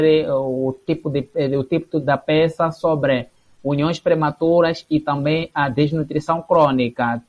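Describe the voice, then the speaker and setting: A man answering interview questions hesitantly, with many fillers. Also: on the high side. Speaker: theatre association member. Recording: dull lo-fi broadcast sound.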